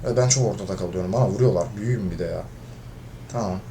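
Low-pitched and rapid-fire, this gaming video creator's voice comes through background noise as he narrates his own match. He's frustrated, swears at his teammates, and raises his voice to a shout when losing.

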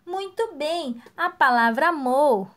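A woman teaching a recorded lesson to young children, slow and encouraging, praising each answer. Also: high-pitched, expressive, fairly bright tone. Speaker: primary school teacher.

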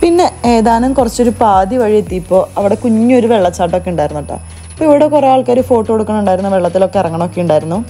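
A woman's voice: mid-range voice, animated, rapid-fire, mellow, poor audio. A young woman, narrating a casual travel vlog on a forest trail and talking to viewers as guys. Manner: chatty, mixes in English phrases, addresses viewers as guys. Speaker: travel vlogger. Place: outdoors on a forest trail by a waterfall. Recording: background music under the voice.

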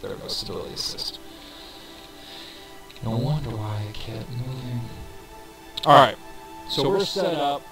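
Talking a little slowly with long pauses, this gameplay tutorial narrator has a medium-pitched, somewhat bright voice. He walks through the game casually, using fillers and counting numbers down, over a reverby cheap desk mic with crowd noise and faint music behind.

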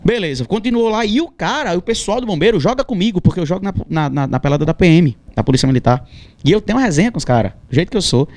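A man's voice: high voice, racing. A male singer, telling a story in a casual interview, acting out dialogue and repeating phrases as he goes. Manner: animated, acts out quoted dialogue, stammers and repeats phrases.

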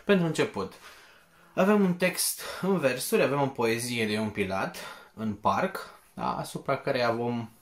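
A man walking students through an exam practice test step by step, often checking in with a quick question. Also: medium pitch. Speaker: teacher. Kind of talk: exam-prep lesson walkthrough. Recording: echoey room.

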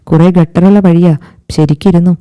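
A woman voicing a caring young man who speaks gently and reassuringly. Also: fairly low pitch, steady tone, normal speed, close to an everyday voice. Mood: gentle.

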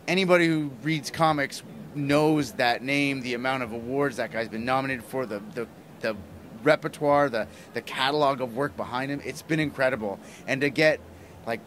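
A middle-aged comic writer and broadcaster gushes enthusiastically in a casual interview, speaking into a handheld mic held toward him in a small plywood-walled convention booth. His voice is medium-pitched and a bit bright, and clear room noise and convention ambience are audible.

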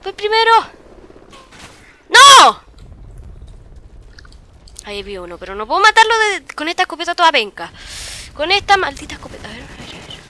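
A woman with a Chilean accent giving live, excitable commentary over her own gameplay, cursing and yelling at the game. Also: high voice, quick pace, slight background noise. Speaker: gaming video creator.

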